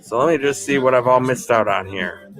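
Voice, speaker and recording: A man hosting a casual livestream hangout, chatty and upbeat, laughing often as he reads viewer comments and thanks people warmly. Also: medium pitch, fairly quick, faint music behind. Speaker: livestream host. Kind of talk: casual live-stream chat, reading comments.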